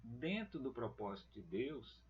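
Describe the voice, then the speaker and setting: A man teaching a church Bible lesson, talking slowly and deliberately and calling his listeners beloved brethren. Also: medium pitch, very animated, lo-fi sound.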